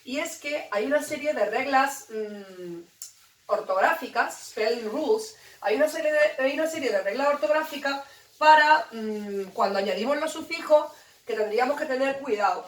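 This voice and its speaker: Woman teacher, roomy and distant. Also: high voice. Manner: patient, repeats key points, asks and answers own questions. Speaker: English teacher. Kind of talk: explaining grammar at a whiteboard. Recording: roomy sound from off the mic.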